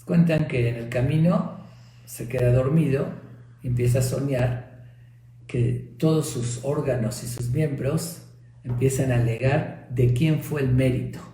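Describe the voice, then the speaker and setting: A man's voice: medium pitch, unhurried, warm tone, a little hiss or hum. A man, a rabbi, teaching a lesson by telling a parable at a storytelling pace. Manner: storytelling, with restarts. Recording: echoey room.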